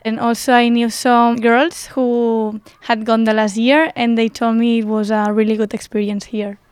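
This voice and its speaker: High, clear young woman. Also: little pitch movement, normal speed, no room sound. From Catalonia. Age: young adult. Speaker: exchange student guest.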